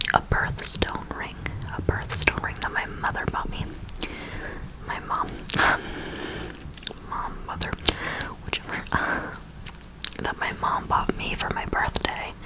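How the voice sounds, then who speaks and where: A woman speaking in a soft, breathy ASMR whisper, telling a rambling personal story and slowly repeating words and phrases. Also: low-quality recording. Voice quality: whispery, mostly unvoiced, with creaky edges. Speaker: ASMR video host.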